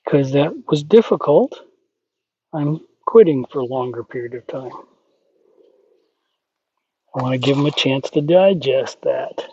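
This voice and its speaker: Calm man explaining horse training. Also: medium pitch, measured pace, long pauses, husky, no echo. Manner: calm, explanatory, talks to the horse between points. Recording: dull, lo-fi with faint noise.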